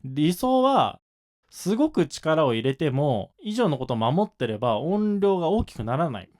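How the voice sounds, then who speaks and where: Man with lively, animated delivery. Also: a little high, moderate pace. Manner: patient, explanatory, with frequent fillers. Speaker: shamisen instructor. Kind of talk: explanatory lesson talk.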